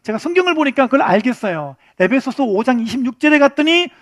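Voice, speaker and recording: High-pitched guy teaching bible study, keeps quizzing the class, super dry sound. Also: quick pace, dry recording. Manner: animated, keeps asking the class questions. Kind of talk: interactive Bible lesson. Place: church classroom.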